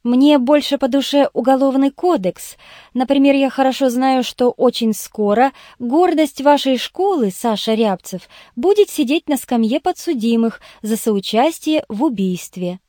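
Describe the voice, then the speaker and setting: A woman's voice: sits high, unhurried, mellow, no echo, studio quality. A woman reading the lines of a blunt male journalist questioning a suspect in an audiobook. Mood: interrogating. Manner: harsh, interrogating.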